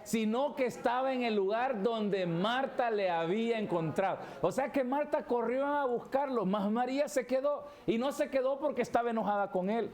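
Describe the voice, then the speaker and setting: A man's voice: high-pitched, darkish tone. A male pastor preaching a Bible study sermon, reading scripture and constantly calling his listeners brother. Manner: addresses listeners as "hermano" constantly. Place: church.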